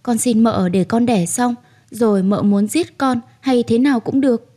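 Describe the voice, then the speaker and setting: Woman doing a desperate young servant girl, tearful begging, goes up high, soft warm voice. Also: normal speed, lightly acted. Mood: pleading.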